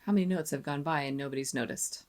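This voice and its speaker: A woman's voice: low voice, fast talker. A woman giving casual movie reaction commentary, musing and making wry asides. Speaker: film reaction host. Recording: noisy, with clicks.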